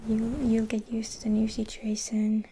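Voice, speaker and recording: A woman giving a whispered ASMR pep talk, hushed and breathy, gently reassuring with soft pauses. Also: on the high side, completely flat delivery, slight background noise. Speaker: ASMR host.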